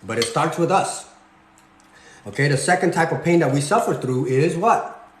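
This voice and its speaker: A man's voice: fairly high pitch, expressive, normal speed, echoey room, slight background noise. A man in his forties, born in Cambodia, giving a preachy motivational talk while he cooks, repeating "okay?" and "you guys". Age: 40s. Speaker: fitness vlogger. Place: home kitchen.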